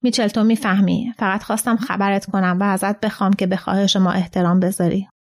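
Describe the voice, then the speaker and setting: A woman reading a calm, measured old man. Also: medium pitch, close to an everyday voice.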